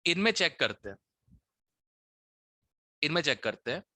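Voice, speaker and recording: A man's voice: fairly high pitch, big pitch swings, a little slow, sharp tone, no echo, studio quality. A man teaching a chemistry class, explaining test questions and often checking that students follow. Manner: Hinglish teaching, frequent "ठीक है?" checks.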